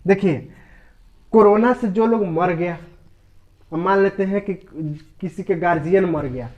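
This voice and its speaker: A man with a high voice and a Bihari Hindi accent teaches a casual exam-prep lesson. He keeps quizzing his listeners, answers his own questions, and tosses in joking asides.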